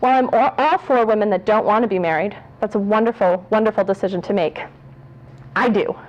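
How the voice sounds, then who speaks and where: A woman's voice: mid-range voice, fairly quick, a little mellow, muffled recording. A woman in her late twenties giving a candid talk to an audience, joking at her own expense and laughing often as she talks. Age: 20s. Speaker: speaker at a public talk.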